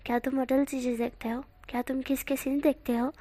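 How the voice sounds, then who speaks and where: A flustered grown man who lectures in halting bursts, stopping and restarting. A woman reads him in a storybook telling, with her voice staying high and light. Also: little pitch movement, warm tone. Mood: questioning. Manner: halting, full of fillers. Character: adult man, stern guardian figure.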